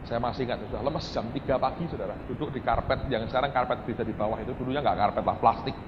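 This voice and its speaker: A man preaching a sermon, telling a story in a lively way that swings from quiet asides to shouted excitement. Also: mid-range voice, fast, noisy background. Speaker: pastor. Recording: dull lo-fi church hall recording with echo.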